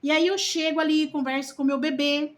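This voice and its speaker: A first-time mother from Brazil, with a high voice and Brazilian Portuguese accent, vlogs casually to camera about parenting. She speaks slowly and earnestly with fairly even intonation, asks her viewers many rhetorical questions, and softens words with little diminutives. She describes herself as loud-spoken.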